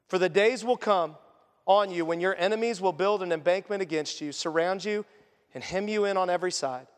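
A man preaching a sermon as pastor, earnest and conversational, often dropping to a hushed voice for emphasis. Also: high voice, long reverb tail. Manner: earnest, conversational preaching with sudden quiet drops.

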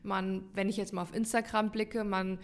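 A woman's voice: medium pitch, flat delivery, normal speed. A woman co-hosting a podcast, explaining in long emphatic runs with many fillers in a casual chat. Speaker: podcast co-host.

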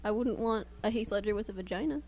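A woman's voice: mid-range voice, fast talker, a little mellow. A woman in casual chat, teasing and laughing often.

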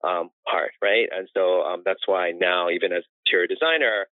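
Speaking at a normal speed in his low voice, this man from the United States recounts his life as an interior designer, a talkative storyteller who often breaks into laughter. It's a dry, tinny, phone-quality recording with no echo.

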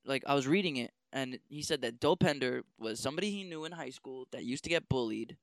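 A man's voice: mid-range voice, animated, brisk, creaky, no echo. A man co-hosting a podcast in casual film chat, quoting favorite lines and sharing trivia with enthusiasm. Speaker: podcast co-host.

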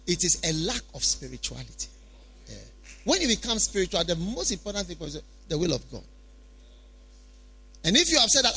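High-pitched Ghanaian man preaching emphatically. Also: pushed and bright, breathy edge, low-quality recording. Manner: emphatic, repetitive, rhetorical questioning. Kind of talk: sermon.

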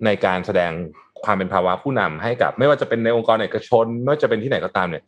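A man hosting a casual news talk show, chatting with co-hosts in an animated, sarcastic way with many restarts. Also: fairly low pitch, rapid-fire, muffled recording. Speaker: host.

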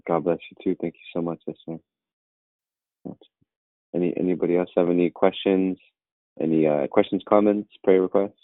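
A man with a deep voice hosts a prayer call in an informal style. He sounds close and dry on a narrow, tinny phone line, speaking in short turns. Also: little pitch movement, normal speed, long pauses, no echo. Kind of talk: informal hosting with brief responses.

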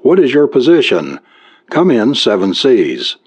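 A man's voice: medium pitch, wildly swooping pitch, unhurried, breathy edge, full character voice. A man voicing a stern, bureaucratic male coast guard radio operator. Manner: stern, clipped radio protocol. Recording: dull lo-fi recording.

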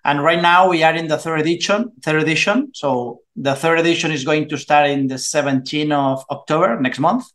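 A man's voice: on the high side, fairly quick, hardly any pauses, fairly bright tone. A native Spanish-speaking man with a Spanish accent explains his work off the cuff as a guest teacher, groping for English words as if translating in his head. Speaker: investment course teacher and guest.

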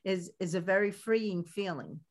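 A woman's voice: mid-range voice, normal speed. A woman with a Brooklyn accent, chatting casually as a podcast host in a conversational interview.

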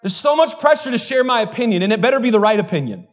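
Pastor guy with a high voice, casual honest sermon, lots of "like", kinda muffled recording. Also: sing-song, fast. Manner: candid, conversational, self-deprecating, many "like" fillers. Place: church.

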